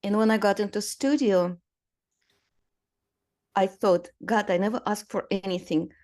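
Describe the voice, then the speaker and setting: A woman in her sixties from Romania, a guest artist, tells her story in a conversational interview with fillers and light laughs. Her medium-pitched voice is steady and darkish, going a little slowly.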